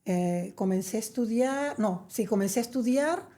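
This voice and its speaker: Woman, warm mellow voice, faltering start, lively when recounting, interview guest. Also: fairly high pitch, moderate pace. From Venezuela. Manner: hesitant, many fillers and self-corrections. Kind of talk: conversational storytelling.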